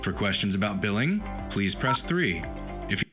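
A man's recorded phone menu message, read in a brisk, formal way over a phone line. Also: on the low side, sing-song. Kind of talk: scripted announcement. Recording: tinny phone line with hold music.

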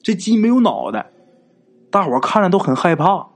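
Husky chatty male storyteller. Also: high voice, sing-song, fairly quick, faint music behind. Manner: chatty, colloquial, addresses listeners directly. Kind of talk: folk ghost story narration.

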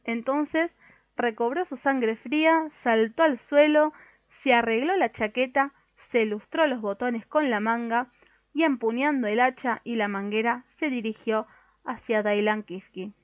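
A woman reads a children's story aloud in the first person, with a lively storytelling touch. Her voice sits fairly high, and the recording is dry and a little dull. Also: a little slow, no room sound. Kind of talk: children's audiobook narration.

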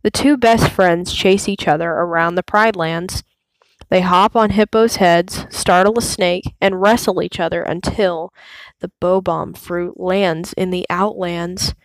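Woman, storybook reader, slow, measured, clear, dry close sound. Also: lowish voice, fairly even intonation, dry recording. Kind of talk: reading a children's storybook aloud.

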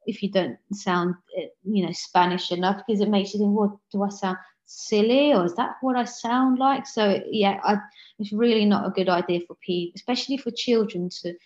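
A woman with a medium-pitched, steady, slightly mellow voice speaks at a normal pace as a guest author in a casual interview. She comes across as earnest, with many restarts and self-corrections, on slightly dull lo-fi audio.

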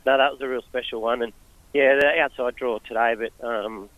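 Young aussie bloke on a crappy phone line, dry sound, easygoing racing driver being interviewed. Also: male voice, medium pitch, fairly even intonation, normal speed, no echo. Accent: Australian. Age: young adult. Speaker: harness racing driver and guest.

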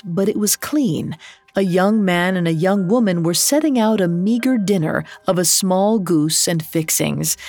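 Woman reading a dark storybook, slow n gravelly, measured. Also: medium pitch. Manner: measured, dramatic. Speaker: narrator. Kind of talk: scripted storytelling narration.

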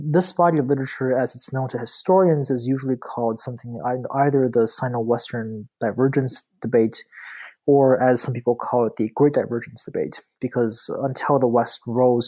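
A man's voice: mid-range voice, darkish tone, husky. A man from China, a law professor, answering interview questions in a thoughtful way with many fillers and restarts. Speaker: guest author, law professor.

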